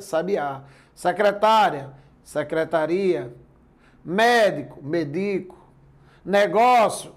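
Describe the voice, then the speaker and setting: A man with a high voice gives a grammar lesson in a Brazilian Portuguese accent. He walks through each point patiently and keeps asking whether everyone is following. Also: darkish tone. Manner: explains step by step, keeps checking in with listeners. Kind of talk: classroom lecture.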